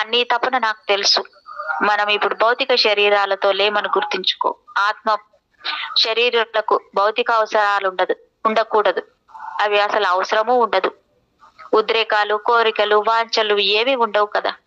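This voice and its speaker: Woman reading as a soft loving young spirit girl, bright smooth voice, kinda muffled recording. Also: mid-range voice, fairly even intonation, measured pace, slight background noise. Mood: soothing.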